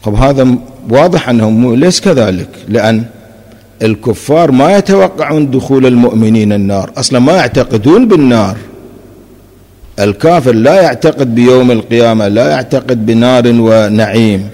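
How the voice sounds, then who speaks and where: A religious scholar, a man, lectures on scripture, explaining each point in turn and shifting between classical and colloquial speech. He presses his key points with rising emphasis, at a middling pitch. The recording carries a long reverb from a large hall. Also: expressive, a little fast, darkish tone. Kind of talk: Quranic commentary lecture.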